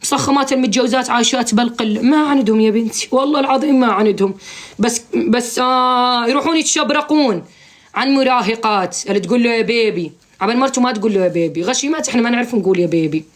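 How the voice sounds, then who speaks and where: A woman's voice: fairly high pitch, racing. A woman hosting a live stream, giving comic advice in a blunt, teasing, joking-scolding way over a phone mic.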